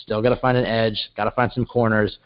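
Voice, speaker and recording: A man's voice: lowish voice, level tone, fairly quick, clean tone, muffled recording. A male podcast co-host in casual sports chat, talking upbeat and steering the show to its close.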